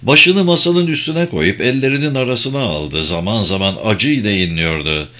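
A man's voice: on the low side, animated, normal speed, bright, forceful tone. Dramatic male audiobook narrator. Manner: dramatic storytelling.

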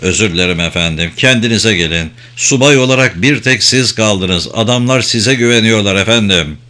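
A man voicing a calm, formal male sergeant reporting to his officer. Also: fairly low pitch, normal speed. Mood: steady.

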